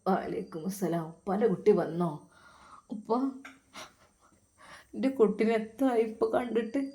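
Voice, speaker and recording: A woman's voice: mid-range voice, moderate pace, close to an everyday voice. A woman doing a weary old father. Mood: tender. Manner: soft, sorrowful, resigned. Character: frail older father, weary and tearful.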